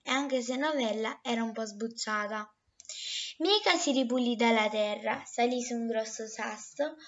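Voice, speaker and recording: A woman reading a children's story aloud, gentle and expressive. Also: a little high, lo-fi sound.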